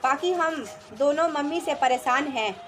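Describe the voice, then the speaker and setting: A woman reading the lines of a young husband who quietly complains about his strict mother, in a storybook narration. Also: extremely high pitch, unhurried. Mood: confiding. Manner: complaining, confiding.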